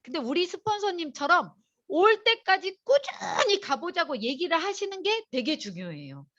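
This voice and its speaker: Animated high-voiced woman lecturing. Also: normal speed, lo-fi sound. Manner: animated, chatty storytelling, addresses the audience directly. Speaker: lecturer at a sales seminar. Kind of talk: lively motivational lecture. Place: lecture hall with an audience.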